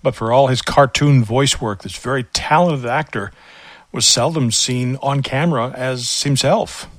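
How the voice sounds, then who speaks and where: A man hosting and narrating a feature segment in a measured, scripted broadcast delivery. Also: medium pitch, no echo. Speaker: show host and narrator.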